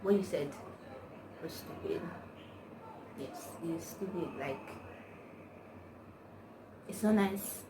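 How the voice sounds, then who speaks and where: Fairly low in pitch, she talks at a slow pace and pauses often. This young vlogger with a Nigerian accent chats to camera, rambling through her stories with slang and a constant "like." A distant mic captures her over a noisy background.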